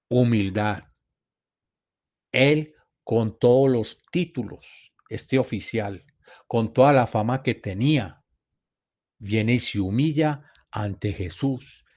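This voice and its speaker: A male preacher teaches a Bible study at an unhurried, deliberate pace, his voice sitting at an ordinary middle pitch. His delivery is earnest and builds to emphatic peaks. The recording has a dull, lo-fi sound.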